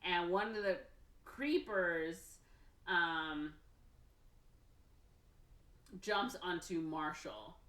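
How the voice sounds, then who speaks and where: A woman hosting a podcast and recapping a movie in casual chat. She tells it with animation, says "like" a lot and slips into quick acted quotes. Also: on the low side, expressive, a bit bright. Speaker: podcast host. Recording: roomy, from a distance off the mic.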